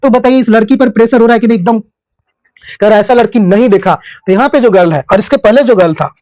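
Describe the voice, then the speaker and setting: High-voiced Hindi-accented man teaching grammar. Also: a little mellow, dry recording, rough recording. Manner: repeats rhetorical questions and answers them himself; slow, drawn-out English example sentences. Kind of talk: classroom-style grammar lesson.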